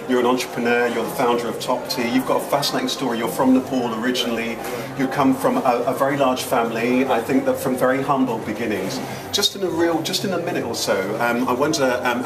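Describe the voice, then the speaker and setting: Fast-talking male interviewer in a busy cafe. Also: medium pitch. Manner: eager, encouraging, paraphrases the guest. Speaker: interviewer, host. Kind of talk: casual interview. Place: noisy cafe. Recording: roomy, distant mic, cafe crowd.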